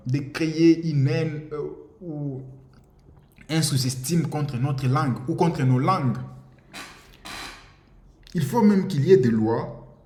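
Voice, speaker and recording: Speaking as a commentator, this man from the DR Congo has a warm, medium-pitched voice. His monologue is passionate, pushy and repetitive, with frequent stumbles over words, and it echoes in a roomy space with faint ambient sound.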